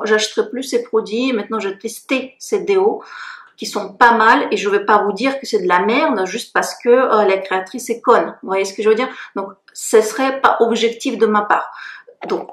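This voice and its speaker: A woman's voice: medium pitch, fairly bright tone. A French woman blogger giving a frank, chatty review of beauty products she has used up, blunt and self-mocking. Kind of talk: casual talking-head review. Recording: echoey room with faint noise.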